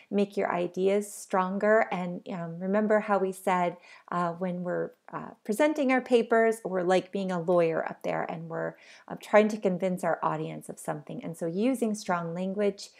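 A woman's voice: fairly low pitch, vocal fry. A woman giving a recorded online lecture as a college English instructor, explaining in an unscripted way with many ums and uhs.

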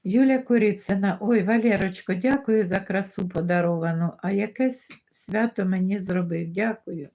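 A woman's voice: mid-range voice, normal speed, few pauses, dark tone. A middle-aged woman hosting a live stream, reading out viewer comments and greeting each viewer by name in a casual chat. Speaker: livestream host reading chat.

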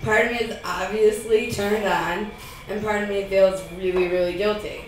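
This young woman's voice is mid-range, steady in tone and moderate in pace as she delivers a profane comedy set and laughs through the punchlines. She performs on a comedy club stage with a live audience, recorded from a distant mic in an echoey room amid crowd noise.

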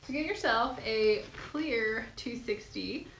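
A woman's voice: fairly high pitch, slow pace, creaky, fairly bright tone. A young woman teaching balloon twisting step by step, bubbly and giggly, gushing over how cute each piece looks. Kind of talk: step-by-step tutorial. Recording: echoey room with audible noise.

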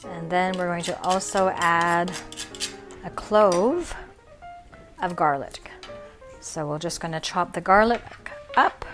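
A woman's voice: lowish voice, takes it slowly, long pauses, fairly bright tone, soft background music. A middle-aged woman hosting a cooking show in her home kitchen, explaining each step in a friendly way with a few fillers. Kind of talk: cooking demonstration.

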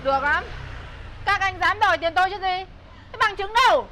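A woman's voice: very high voice, a little fast, pushed and bright, a little hiss or hum. An actress playing a cutesy, manipulative young woman who whines in baby talk. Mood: haughty. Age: young adult. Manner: baby-talk pleading, whiny then haughty. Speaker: actress in comedy sketch.

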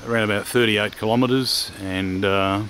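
A man with a lowish, fairly monotone voice narrates a travel vlog while walking around an outdoor park. He talks in a matter-of-fact, unhurried way, filling gaps with "uh", and clear outdoor background noise runs under his voice. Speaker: travel vlogger. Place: outdoors at a forest waterfall park. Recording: noisy outdoor ambience.

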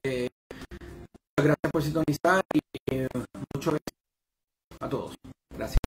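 A man's voice: on the high side, a little slow. A middle-aged man, a rheumatologist giving an educational talk to patients, hesitant with many fillers.

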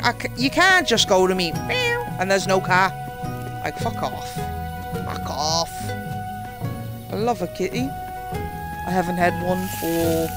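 A game streamer with a British accent, chatting casually and swearing freely while playing. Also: mid-range voice. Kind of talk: casual live-stream commentary. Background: game music.

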